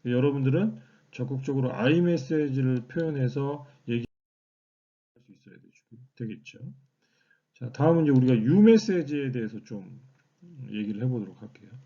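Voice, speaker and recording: A man's voice: mid-range voice, warm tone, lo-fi sound. A man teaching a recorded online class, explaining step by step with frequent fillers and rhetorical questions. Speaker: lecturer.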